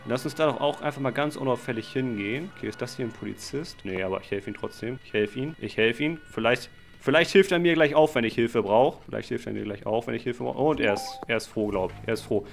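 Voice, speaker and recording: A man giving excited Let's Play commentary on a game, talking to his viewers as friends, with slangy asides and sudden shouted outbursts. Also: mid-range voice, fast talker, vocal fry, faint music behind. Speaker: gaming channel host.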